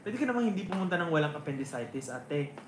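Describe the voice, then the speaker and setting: A man's voice: fairly high pitch, very animated, fast talker, a little hiss or hum. A man hosting a casual livestream, reading viewers' comments aloud and answering them with playful, teasing banter. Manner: playful, teasing banter mixing Tagalog and English. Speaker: livestream host. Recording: roomy sound with loud ukulele music. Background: loud ukulele music.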